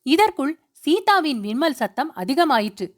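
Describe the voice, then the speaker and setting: A woman narrating a novel as an audiobook in a steady, measured way. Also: high voice.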